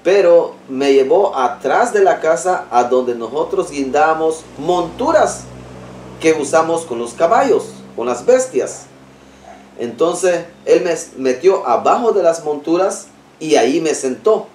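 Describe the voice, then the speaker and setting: A man's voice: fairly high pitch, animated, a little slow, a little mellow, recorded from a distance, a little hiss or hum. A man telling a personal experience in a plain, conversational storytelling style, linking events one after another. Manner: plain, repetitive telling, links events with "entonces". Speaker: interviewee recounting a personal experience. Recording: roomy sound, speaker away from the mic.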